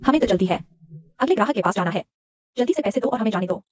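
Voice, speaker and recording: A woman voicing a sharp-tongued fisherman's wife demanding payment. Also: mid-range voice, expressive, very fast, lo-fi sound, natural voice. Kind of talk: Hindi dub of a short drama.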